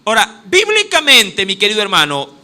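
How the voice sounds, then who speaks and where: Speaking fairly quickly in a high voice, a Guayaquil-accented pastor from coastal Ecuador delivers a lively sermon. He addresses the congregation as "mi amado," dramatizes exclamations, and stops at times to find Bible verses.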